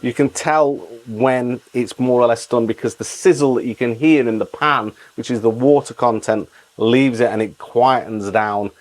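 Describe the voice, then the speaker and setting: A man's voice: mid-range voice, moderate pace, low-quality recording. A middle-aged man hosting a casual step-by-step cooking tutorial, repeating phrases for emphasis. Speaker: cooking channel host.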